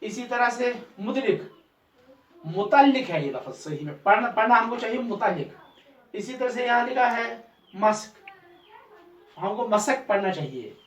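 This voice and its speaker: A man teaching an Urdu class, slowly repeating each word to drill its correct pronunciation. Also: extremely high pitch, a bit bright. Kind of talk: recorded pronunciation lesson. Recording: distant mic in a roomy space, faint ambient noise.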